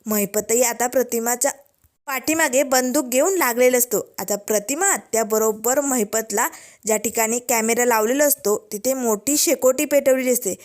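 A woman narrating a recap of a TV serial episode in a dramatic, steady way. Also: on the high side.

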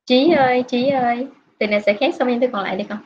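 In a dull lo-fi online class recording with background noise, a woman from Vietnam who teaches English asks her students questions over a video call. Her voice is on the high side, and she stays patient, drawing her prompts out.

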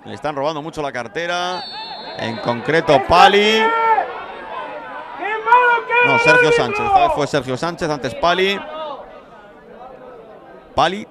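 A man with a Spanish accent from Spain calls a football match live from an outdoor ground, with stadium crowd noise behind him. His fairly high voice swings hugely in pitch, and he speaks unhurriedly with long pauses.

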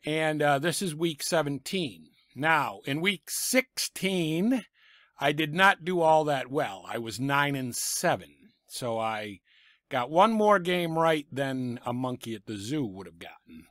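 A slow-talking, raspy man with a cough, working as a sports picks vlogger, gives casual football picks and is blunt and sarcastic about teams and coaches. His voice is on the high side, bright and forceful. He speaks into a desk microphone in a small home room full of sports memorabilia, and the dry recording has clean studio sound.

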